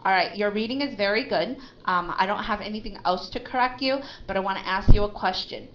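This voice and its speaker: A woman's voice: mid-range voice, brisk. A woman teaching an online English lesson, patiently correcting a student's pronunciation. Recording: slightly dull lo-fi online audio.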